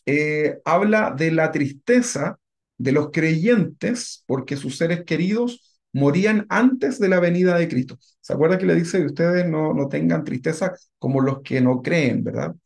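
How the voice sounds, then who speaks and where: Gravelly pastor asking "right?" as he teaches. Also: a little high, darkish tone. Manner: conversational, keeps asking the congregation "¿verdad?". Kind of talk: Bible teaching.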